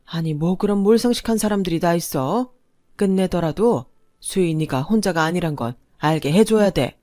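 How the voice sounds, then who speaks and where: A woman voicing a wealthy, dignified elderly grandmother who speaks in a crisp, sharp, commanding tone. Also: on the low side, normal speed, no echo, studio quality, lightly acted. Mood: indignant caring.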